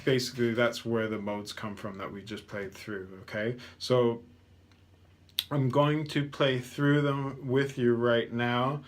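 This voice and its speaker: A man's voice: medium pitch, steady tone, measured pace. A man teaching a guitar lesson, patiently counting out scale steps aloud. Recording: guitar playing between lines.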